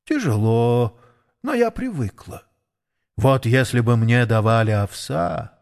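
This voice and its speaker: A weary old mare , as a male narrator puts her on, soft and mumbling, shy and sad, her words coming slow and hesitant. A worn-out storybook horse with a gentle, faded voice. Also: medium pitch, expressive. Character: old half-blind worn-out water-cart mare, meek and sad. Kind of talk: audiobook character voice.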